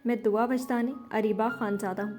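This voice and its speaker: A bitter, sulky young woman in an audio novel, as a female narrator voices her. Her words come sharp and resentful. The voice is slightly high and mellow, over faint music. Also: fairly even intonation, natural voice.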